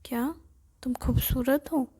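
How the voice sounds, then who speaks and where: A woman's voice: high-pitched, fairly even intonation, a little slow, dark tone. Woman whispering as a fretful young man. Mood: puzzled. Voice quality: breathy whisper. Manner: fretful, muttering to himself. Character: nervous young man talking to a ghost. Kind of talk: whispered role-play.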